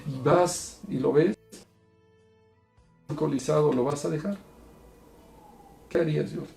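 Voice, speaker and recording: A man teaching a Bible study in an earnest, preacherly way, going from soft to emphatic. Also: a little high, unhurried, vocal fry, soft background music. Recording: echoey room.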